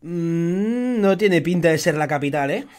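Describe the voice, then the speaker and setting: A young man from Spain with a Spanish accent, talking excitedly through a casual live-stream commentary, swearing often in chatty fan banter. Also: a little high, measured pace. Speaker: streamer analyzing an anime opening.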